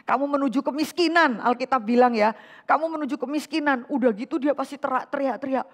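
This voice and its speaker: High-voiced woman preaching in an echoing hall. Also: quick pace. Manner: lively, rhetorical questions, mixes in English phrases. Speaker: vicar preaching. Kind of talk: sermon to a women's fellowship. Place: church hall.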